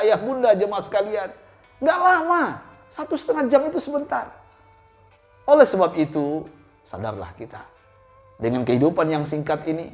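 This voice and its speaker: Male preacher, storytelling sermon; lively swinging delivery, talks straight to the congregation; soft music underneath. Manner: animated, swinging pitch, addresses listeners directly.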